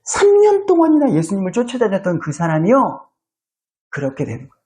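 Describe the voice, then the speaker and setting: A man's voice: sits high, huge pitch swings, fairly quick, a little mellow. A male pastor preaching a sermon in a church, retelling a story with acted-out voices.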